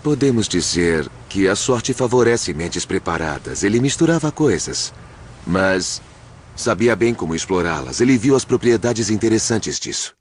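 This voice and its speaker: An enthusiastic Brazilian male scientist in a documentary interview. The voice is low and highly animated, explaining conversationally and posing questions to answer himself, over faint background noise. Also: normal speed. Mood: explanatory. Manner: asks and answers own questions. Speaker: dubbed expert interviewee.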